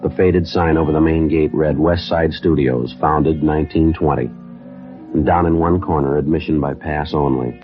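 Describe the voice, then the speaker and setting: Methodical detective, extremely low, matter-of-fact, clipped delivery; 1950s radio crime drama, dull vintage sound. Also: male voice, steady tone, moderate pace, faint music behind. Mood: deadpan. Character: terse, methodical male police detective narrating his case. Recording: muffled vintage radio recording.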